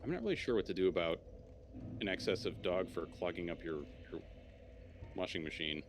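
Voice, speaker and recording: A man's voice: deep voice, expressive, a little fast, noisy background. A man chatting casually and informally as he guides other players through a video game on a stream. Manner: informal, swears freely. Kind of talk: casual gaming chat.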